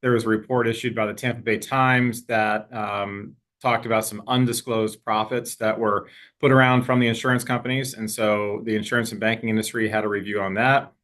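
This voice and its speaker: A man serving as a state representative, giving a steady explanatory update in an interview over a video call. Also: fairly low pitch, a little fast.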